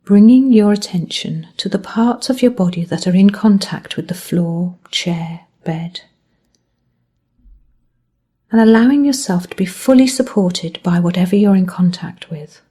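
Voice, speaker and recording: Her mid-range, husky voice carries a guided body scan meditation. As a mindfulness teacher, she talks gently in measured phrases that trail off softly at the end.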